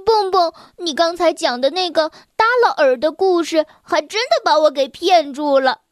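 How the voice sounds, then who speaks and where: A woman's voice: very high voice, normal speed, no room sound, studio quality. A woman voicing a playful, mischievous young male frog in a children's storybook, with a teasing, giggly way of talking. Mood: thoughtful. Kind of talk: storybook reading.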